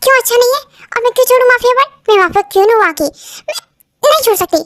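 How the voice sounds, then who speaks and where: A woman's voice: very high voice, expressive, quick pace, fairly bright tone, no room sound, clean studio sound. A woman voicing a proud young female mafia queen who is a wife, insistent and tender in turn, as a fan-dub actor. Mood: stubborn. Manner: insistent, pleading then tender. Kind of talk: Hindi fan dub acting.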